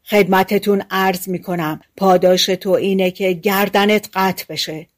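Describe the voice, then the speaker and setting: A woman reading an audiobook, voicing a vengeful male spirit freed from a bottle that shouts threats and later pleads. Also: medium pitch, steady tone, lightly acted. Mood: menacing. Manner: loud and menacing, turns pleading.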